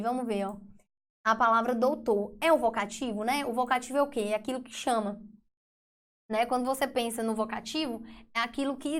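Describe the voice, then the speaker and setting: A Brazilian woman teaching an exam review lesson in a chatty way, asking and answering her own questions. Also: fairly high pitch.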